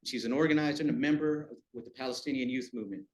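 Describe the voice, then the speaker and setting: A man hosting a college talk, introducing the guest speaker in a warm, slightly halting way in a lecture room. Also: medium pitch. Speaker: event host introducing the speaker.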